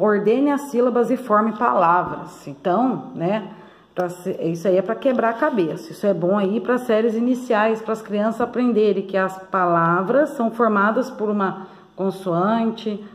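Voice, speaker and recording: A woman teacher giving a slow, patient phonics lesson for young children, spelling out letters and ending phrases with questioning tags. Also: mid-range voice. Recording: echoey room.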